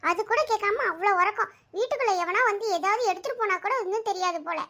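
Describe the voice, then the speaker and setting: A woman's voice: extremely high pitch, fast talker, fairly bright tone. A woman voicing a fiery, fed-up village wife and mother in a cartoon. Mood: scolding. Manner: scolding, quarrelsome.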